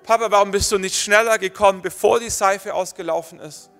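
A man voicing an excited little boy of seven who urgently calls for his dad. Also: sits high, a little fast, pitched above the performer's own voice. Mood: pleading.

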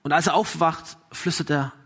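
Brief: male pastor with a fairly high voice, preaching and storytelling, swings between emphatic and hushed. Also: moderate pace, vocal fry, breathy edge. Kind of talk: sermon with storytelling.

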